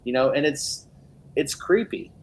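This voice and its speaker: A man chatting casually on a podcast as a business owner, relaxed, acting out sales calls in quick asides. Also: medium pitch, creaky, a little hiss or hum, rough recording.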